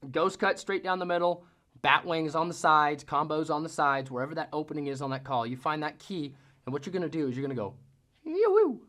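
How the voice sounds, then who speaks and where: A man's voice: a little high, steady tone, quick pace, pushed and bright, a little hiss or hum. A man giving a casual how-to lesson as a hunting-call instructor, talking in a folksy way. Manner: folksy, mimics sounds with vocal demonstrations.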